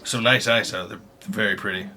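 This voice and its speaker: A man with a fairly low, brisk voice and fairly even intonation hosts a YouTube channel reacting to movie trailers. His commentary is casual and slangy, full of exclamations and mockery. Music plays behind him.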